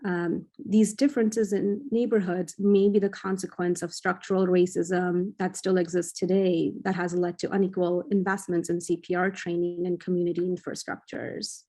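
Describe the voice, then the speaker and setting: Gravelly-voiced woman presenting research. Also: on the low side, little pitch movement, dark tone. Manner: measured, frequent "um" fillers. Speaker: cardiology fellow presenting at journal club. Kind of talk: academic presentation.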